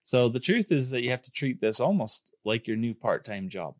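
A hoarse man hosts a podcast, speaking casually straight to listeners. His voice sounds under the weather and sits at a middling pitch, recorded dry and close with hardly any room around it. The delivery stays informal and upbeat. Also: sing-song, moderate pace, no room sound. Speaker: podcast host.

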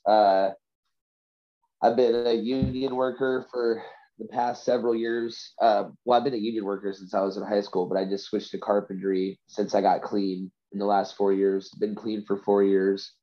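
With a level, lowish voice at a moderate pace, a congested Vancouver guest on a podcast chats and shares stories from his life. Sick with a covid cold, the hobby rapper and poet leans on slang like bro, dude and you know, and the audio's top end is missing.

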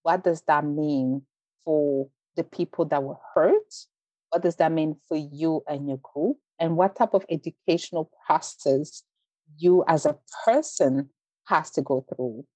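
Interview guest, woman, deep voice, measured and earnest. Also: mellow, no echo, low-quality recording. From Belgium. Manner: earnest, measured, frequent "like" fillers. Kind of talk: interview conversation.

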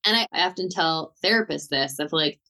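A woman's voice: deep voice, normal speed, sharp tone, low-quality recording. A woman with a Southern Californian, slightly Valley girl accent, chatting informally as a therapist being interviewed, peppering her talk with "like" and "totally". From Southern California, United States. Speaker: therapist, guest. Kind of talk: casual interview chat.

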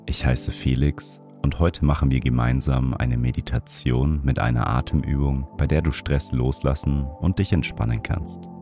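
A man's voice: rumbling low, fairly even intonation, normal speed, few pauses. A man giving scripted guidance as the host of a meditation. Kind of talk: scripted meditation introduction and instruction. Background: music.

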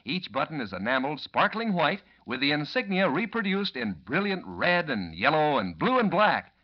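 An American man as a 1940s radio announcer, giving a folksy, enthusiastic sales pitch to young listeners. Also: big pitch swings, moderate pace. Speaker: commercial announcer. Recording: dull, lo-fi vintage radio recording.

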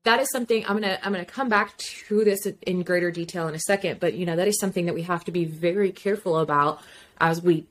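A woman's voice: fairly low pitch, fast. A woman co-hosting a podcast in casual chat, frank and emphatic, swearing and laughing easily. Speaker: podcast co-host.

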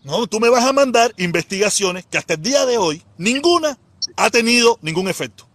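A man's voice: high voice, lively intonation, fairly quick, fairly bright tone, no room sound. A Cuban man hosting a livestream, arguing politics and repeatedly cutting in with "excuse me" to hold the floor. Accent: Cuban Spanish. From Cuba. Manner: keeps cutting in with repeated "permiso", argumentative. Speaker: livestream host. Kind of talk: heated political debate.

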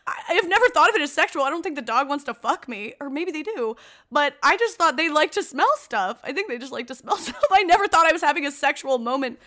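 A woman's voice: high voice, expressive, fairly quick, pushed and bright. A woman co-hosting a podcast in casual comedic chat, speaking frankly and emphatically, repeating phrases for effect. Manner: frank, sweary. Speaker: podcast co-host.

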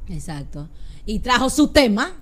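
Animated Dominican woman podcast host. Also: fairly high pitch, measured pace, a crowd in the background. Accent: Dominican Spanish. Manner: animated storyteller, breaks into laughter. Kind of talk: casual podcast chat.

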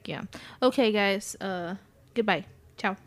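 A woman with a soft, soothing voice, hosting a podcast in casual chat and laughing often. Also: mid-range voice, takes it slowly. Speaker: podcast host.

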